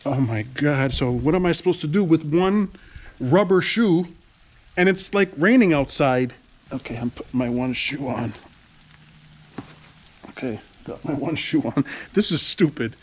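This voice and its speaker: A man's voice: on the high side, expressive, unhurried, long pauses, a little hiss or hum. A man filming a casual farm vlog outdoors in the rain, exasperated and laughing at himself, getting winded as he hops around. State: out of breath. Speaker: farm vlogger.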